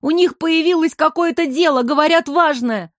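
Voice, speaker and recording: Женщина озвучивает смелую властную девочку, которая кричит и спорит. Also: female voice, high-pitched, normal speed, dry recording, clean studio sound, voice pushed up, natural voice. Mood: excited. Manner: shouting, defiant. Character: bold bossy girl riding a dragon.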